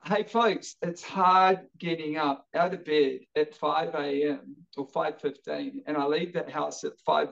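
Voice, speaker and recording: This podcast guest is a New Zealand jiu-jitsu coach in his late fifties whose gravelly, fairly high voice keeps a measured pace with few pauses. He tells stories with plenty of energy, often tripping over and repeating his words in the casual chat, and the audio is lo-fi.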